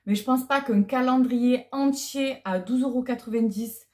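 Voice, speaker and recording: A woman's voice: fairly high pitch, moderate pace, darkish tone. A middle-aged woman chatting casually on a clip-on mic, hesitant with many fillers. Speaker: vlogger. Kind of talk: casual unboxing chat. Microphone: clip-on lapel mic.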